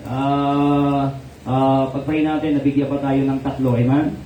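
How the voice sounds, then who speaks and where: A man's voice: mid-range voice, flat delivery, unhurried, warm tone, roomy sound, recorded from a distance, a little hiss or hum, rough recording. A man with a Filipino accent preaching a sermon in a church, switching between Tagalog and English and often asking the congregation "amen?". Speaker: pastor. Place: church hall.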